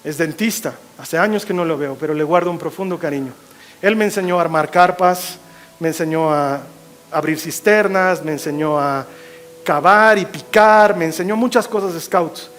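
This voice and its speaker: High-voiced pastor preaching. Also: male voice, normal speed. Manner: expressive preaching, swinging from loud to hushed. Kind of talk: sermon.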